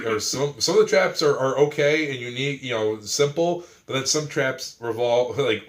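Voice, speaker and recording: An animated man reviewing a film in a loose, casual chat, laughing and swearing as he retells scenes. His voice sits at an ordinary middle pitch.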